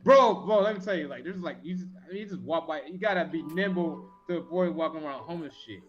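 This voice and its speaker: Male comedian guest from California, slightly high, slangy and animated, muffled line. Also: quick pace. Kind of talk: casual chat. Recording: slightly dull lo-fi sound.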